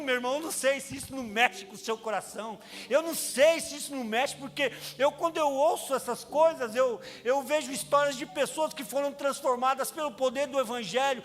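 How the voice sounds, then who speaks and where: A man with a Brazilian accent, a pastor and prison chaplain, telling a testimony in a sermon and acting out the voices of the people in his story. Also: a bit bright. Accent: Brazilian Portuguese. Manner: storytelling, acts out quoted voices with raised pitch. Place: church sanctuary. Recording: reverberant church hall with music.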